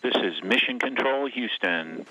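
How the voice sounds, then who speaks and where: A man speaks as mission control over a space radio communicator link, making a clipped, formal radio call. His voice sounds sharp and piercing, and it comes across as distant and thin. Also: medium pitch, animated, a little slow, husky.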